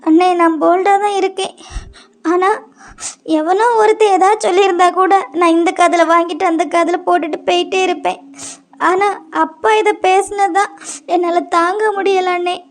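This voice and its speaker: A shrill, very high voice belongs to a wounded young woman in a cartoon, voiced by a woman. She speaks with a Kanyakumari Tamil accent and stumbles over her words, repeating them as she goes. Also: steady tone. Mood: tearful. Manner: halting, repeats words while upset. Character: young woman, hurt and tearful, wife and sister. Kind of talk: cartoon voice acting.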